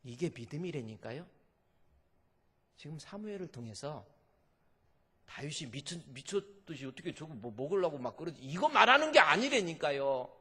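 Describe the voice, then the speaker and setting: A man pastor preaching a sermon in a church, swinging from soft murmurs to shouted cries, with repeated refrains. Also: on the high side, very animated, moderate pace. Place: church sanctuary. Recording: long reverb of a church hall.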